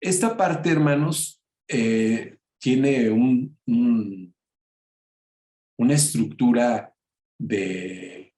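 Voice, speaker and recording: A man teaching a Bible study lesson, calling his listeners brothers and often pausing on "este". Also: medium pitch, mellow, reverberant. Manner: slow and unhurried, many filler "este", addresses listeners as brothers.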